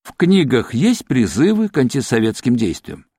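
A man voicing a calm intelligence officer who asks measured, probing questions, read as an audiobook. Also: medium pitch, husky, no room sound, studio quality. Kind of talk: audiobook reading.

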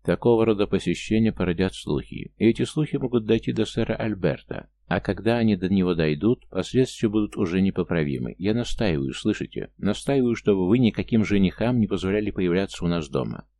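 A man's voice: deep voice, lively intonation, a little fast, hardly any pauses, mellow. A man reading an audiobook, voicing a stubborn young woman who speaks insistently and defiantly. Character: stubborn young woman, waiting for her lost fiancé.

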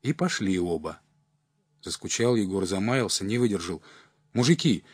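A man narrating a story in a measured, folksy storytelling manner. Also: deep voice, a little mellow, husky, no room sound, clean studio sound. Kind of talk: audiobook narration.

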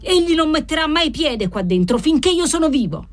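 Lady doing an old marquis dad, furious, gruff, shouting in a storybook reading. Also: fairly low pitch, animated, moderate pace. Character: old nobleman father, furious and frantic.

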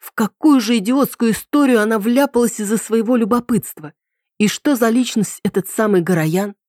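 A woman narrating an audiobook in the first person with an ironic, lively storytelling manner. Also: fairly high pitch, normal speed, dry recording, clean studio sound.

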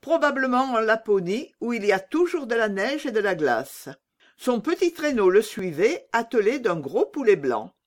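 A woman's voice: a little high, sing-song, normal speed, voice pushed up. A woman doing chatty cooing pigeons. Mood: telling. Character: pair of cooing wood pigeons. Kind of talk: storybook reading for children.

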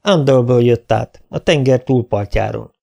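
Egy férfi, aki egy nyugodt, komoly trónörököst szólaltat meg, megfontoltan érvelve. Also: male voice, mid-range voice, creaky, darkish tone. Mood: grave. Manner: measured, reasoning. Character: calm, grave royal prince, heir.

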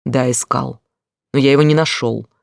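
A man playing a weary, guarded older brother who speaks in a flat, subdued way. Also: medium pitch, moderate pace, vocal fry, no echo, studio quality, natural voice.

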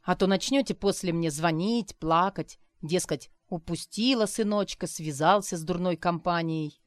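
A boorish male schoolteacher, voiced by a woman reader, gruff and self-important. He barks orders and lectures in a lowish, dry voice. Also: moderate pace, no echo, lightly acted. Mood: lecturing.

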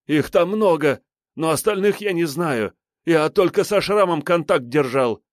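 A man performs a terrified young petty criminal in an interrogation room, his hoarse voice jumping up into a shrill squeal as he begs. The delivery is strained and desperate, recorded dry and close. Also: animated, measured pace, no room sound. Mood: whiny. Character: frightened young male petty crook under interrogation.

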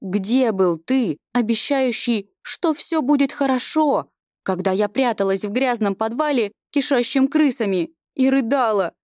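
A woman voicing a proud, furious orphaned teenage girl who speaks high and loud, close to tears, in a storybook reading. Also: normal speed, no echo, natural voice. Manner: shouting, high and tearful.

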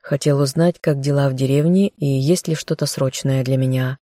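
A reserved young count speaks curtly and evenly, never raising his voice, read by a woman narrator. The sound is warm and mellow, dry and close to the mic, as in an audiobook. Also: rumbling low, moderate pace, no room sound. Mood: restrained. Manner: restrained, even delivery. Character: reserved young male count, calm and curt.

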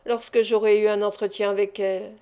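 A woman's voice: mid-range voice, level tone, a little fast, mellow, clean tone, natural voice. A woman reading the part of a scheming man who presses his suit and threatens revenge. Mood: insistent. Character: scheming vengeful Spanish male suitor. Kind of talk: audiobook character reading.

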